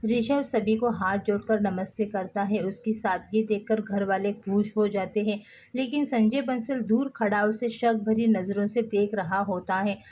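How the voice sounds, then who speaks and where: A woman's voice: mid-range voice, steady tone, measured pace, darkish tone, slight background noise. A woman narrating a TV serial plot recap in a scripted storytelling manner and speaking directly to her viewers.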